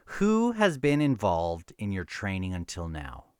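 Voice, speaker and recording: A man's voice: low voice, huge pitch swings, measured pace, smooth, no room sound, clean studio sound, exaggerated voice. A man voicing a cunning old evil emperor from a novel, with archaic, taunting phrasing. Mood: probing, taunting.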